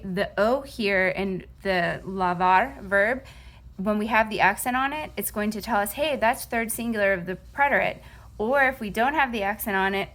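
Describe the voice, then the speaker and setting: A woman's voice: medium pitch, a bit bright. A woman teaching a recorded Spanish lesson, mixing Spanish phrases into her English explanations and often checking in with a reassuring "okay?".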